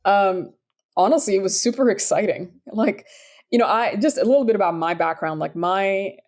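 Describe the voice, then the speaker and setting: A woman's voice: medium pitch, normal speed, a little mellow. A woman in her thirties, originally from Sudan, answering interview questions about her career in an upbeat, enthusiastic way with frequent fillers. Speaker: startup founder, guest.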